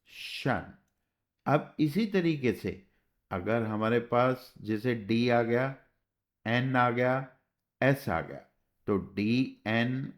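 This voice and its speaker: A man teaching a shorthand class, explaining step by step in a patient way and often checking with "okay". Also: mid-range voice. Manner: slow, patient, spells out sounds and checks with "theek hai". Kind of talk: classroom lesson.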